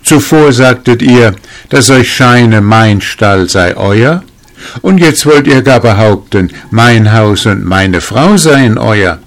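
A crafty, bold village tailor from a storybook folk tale, put on by a male reader. He speaks slyly with sudden indignant exclamations, voice raised higher and louder than the reader's own. He sounds quick and scheming. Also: sing-song, heavily acted.

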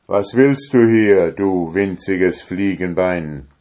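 A man voicing a huge, clumsy, dim-witted giant in a storybook reading, with a loud, booming delivery. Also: takes it slowly. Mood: gruff.

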